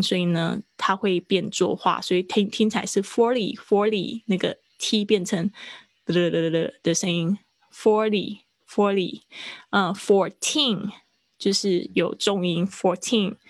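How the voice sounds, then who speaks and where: A woman teaching a live online English lesson, explaining at length and stretching out words slowly to demonstrate them. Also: medium pitch, dry recording. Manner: slow, drawn-out pronunciation demonstrations. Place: online class.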